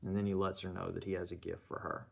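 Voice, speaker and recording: Man, film reviewer, low voice, gravelly, casual walk-through of a movie's scenes. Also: monotone, fast. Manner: retells scenes plot point by point, slipping in dialogue.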